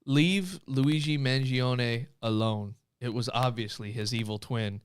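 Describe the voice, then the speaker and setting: A man's voice: mid-range voice, fairly even intonation, unhurried, smooth. A man co-hosting a casual talk show, telling a family story and laughing often as he acts out the quotes. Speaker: podcast co-host.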